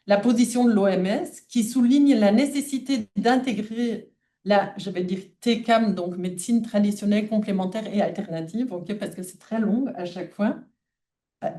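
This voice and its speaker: Reading from a prepared text, a non-native French-speaking woman delivers a formal academic lecture. She has a mellow, mid-range voice and a normal speaking speed.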